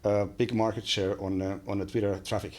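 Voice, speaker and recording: This podcast guest, a man from Finland in his forties, talks a little fast in a lowish, slightly mellow voice with little pitch movement. His casual conversation carries a Finnish accent and many fillers and restarts, captured by a boom-mounted studio mic in a small room.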